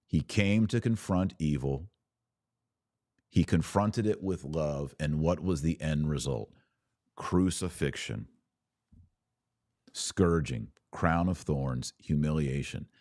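An American man hosting a podcast speaks in an extremely low, slightly mellow voice, offering earnest, emphatic religious commentary that lands between a sermon and live-stream chatter. He builds his lists phrase by phrase, and the recording is dry with clean studio sound.

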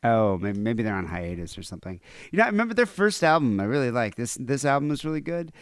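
Male podcast host, smooth clear voice, dry close mic, easygoing and rambling. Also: medium pitch, very animated, fast talker, dry recording. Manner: laid-back, rambling with fillers. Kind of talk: casual podcast chat.

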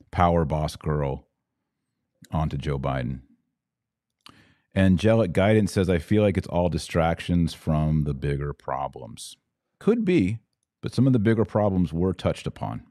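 Deep and dark-toned, an American man hosts a live podcast show, conversational and opinionated, reading comments aloud and responding with emphatic repeats. The sound is close and dry, with no room sound.

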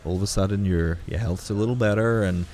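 Low-voiced enthusiastic male podcast host. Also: quick pace, a little mellow. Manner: enthusiastic, stammering restarts. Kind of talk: casual podcast interview.

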